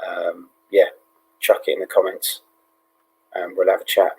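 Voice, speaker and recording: A British man hosting a live fight watch-along in a hushed, half-whispered voice, relaxed and full of ums and yeahs. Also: low-pitched, unhurried, creaky, breathy edge, poor audio. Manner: relaxed, with many fillers like um and yeah. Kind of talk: low-key live fight commentary.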